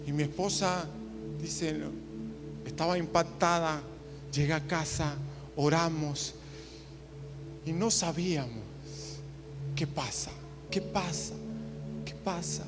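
A man preaching a sermon, moving from hushed storytelling to loud impassioned preaching. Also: fairly high pitch, slow, pauses often, over music. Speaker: pastor.

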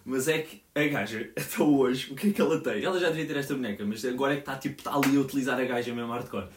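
A man's voice: mid-range voice, rapid-fire, background noise. A young man in his twenties with a European Portuguese accent, co-hosting a podcast and telling a rambling story in casual slang, full of fillers. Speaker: podcast co-host. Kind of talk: casual chat. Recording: roomy echo.

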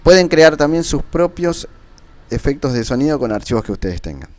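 A man giving a casual spoken software tutorial into his computer's built-in microphone, with frequent fillers. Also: on the high side, big pitch swings, normal speed, dry recording. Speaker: tutorial presenter. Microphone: computer's built-in default microphone.

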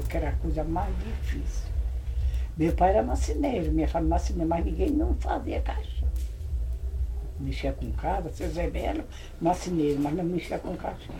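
Here a family elder with a Brazilian Portuguese accent recalls old times, telling vivid, rambling family tales and acting out scenes with exclamations. She is an older woman with a low, warm voice. It's a casual storytelling clip, roughly recorded with a little hiss or hum.

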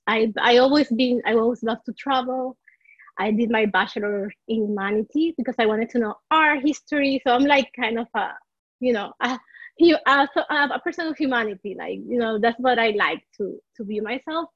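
A Puerto Rican life coach, appearing as a podcast guest, talks fairly quickly in a voice on the high side. During the conversational interview she searches for words, keeps restarting her sentences, and laughs softly, captured in a dry, lo-fi recording.

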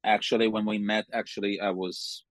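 A man in his forties with a Sudanese accent, answering interview questions in a halting, careful way and often repeating words. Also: lowish voice, little pitch movement, no echo. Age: 40s. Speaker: interview guest. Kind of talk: conversational interview.

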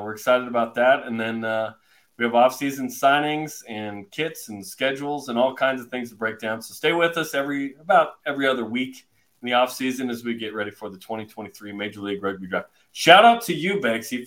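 An upbeat man hosts a sports podcast, running through numbers with easy fillers. His pitch sits in a middle range for a man. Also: a bit bright. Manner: upbeat, reads stats with fillers. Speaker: podcast host.

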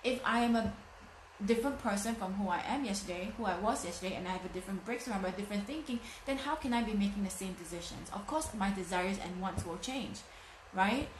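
A woman's voice: mid-range voice, fast talker. A woman in her late thirties speaks as a motivational coach, stressing her points and repeating lines for effect. Her voice rings with a roomy echo, and a faint background noise sits under it. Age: 30s. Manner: emphatic, repeats phrases for effect. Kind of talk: motivational talk. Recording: echoey room.

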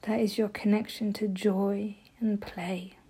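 A woman leads a guided meditation, giving soothing instructions in a soft, gentle, often breathy voice. Her pitch is medium, her tone level, and her pace unhurried.

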